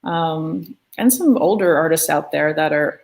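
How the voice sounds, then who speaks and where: A woman with a somewhat low voice hosts a live art lesson from her studio, chatting loosely, with plenty of filler words and asides. She talks casually and never reads from a script. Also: unhurried, creaky, a little mellow, low-quality recording. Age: adult. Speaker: art class host.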